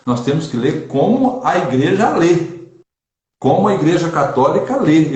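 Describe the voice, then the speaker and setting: Man, Brazilian preacher, earnest, emphatic, somewhat high voice, echoey room. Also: darkish tone. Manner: earnest, emphatic, repeats for stress. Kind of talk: casual online chat on preaching.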